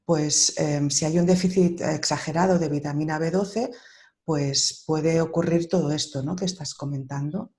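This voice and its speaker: A woman hosting an interview, friendly and quick to agree with short replies as she steers the conversation. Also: deep voice, fairly even intonation, a little mellow. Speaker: interview host.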